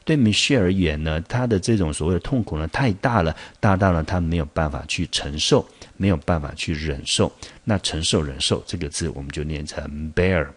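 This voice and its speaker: Deep-voiced teacher. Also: male voice. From Taiwan. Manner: explains patiently with many rhetorical questions; reads English example sentences slowly. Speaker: English teacher. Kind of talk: vocabulary lesson.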